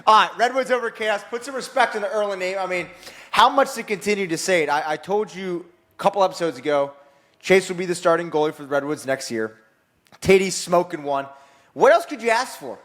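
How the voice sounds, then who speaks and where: A man's voice: high-pitched, lively intonation, a little fast, a bit bright. A man hosting a sports podcast, teasing his co-hosts in casual banter. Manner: joking, teasing. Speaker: podcast host.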